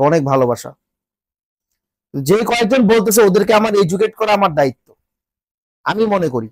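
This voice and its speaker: A Bangladeshi man who vlogs speaks in a high, slightly mellow voice, his nose stuffed up from a cold that has changed how he sounds. He scolds his viewers in an exasperated rant full of repeated rhetorical questions. The audio is poor, though there's no room sound.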